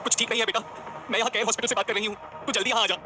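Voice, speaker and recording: A man's voice: sits high, rapid-fire, close to an everyday voice. A man voicing a distraught middle-aged mother in an audio story, tearful and urgent.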